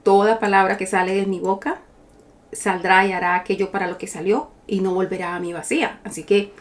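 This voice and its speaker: Middle-aged woman bible teacher, deliberate scripture reading, rhetorical questions, mid-pitched voice. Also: steady tone.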